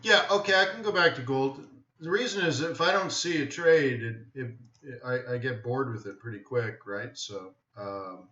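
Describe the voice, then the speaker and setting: A man's medium-pitched voice, sharp in tone and at normal speed, leads a live trading webinar with casual, offhand commentary. He thinks aloud and checks in often with "right?", heard through dull, roomy, echoey audio.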